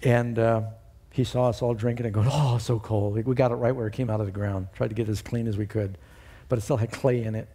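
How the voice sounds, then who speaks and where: A middle-aged pastor preaching a storytelling sermon in a warm, mellow man's voice. He lifts his voice high and loud whenever he quotes scripture, then drops back to an easy narrating tone. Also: flat delivery, fast.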